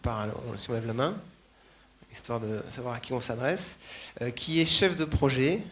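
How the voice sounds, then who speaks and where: A man's voice: medium pitch, lively intonation, normal speed, fairly bright tone. Casual man presenting, faint background hum. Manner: casual, addressing the audience directly. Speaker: presenter at a data conference. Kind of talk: conference presentation.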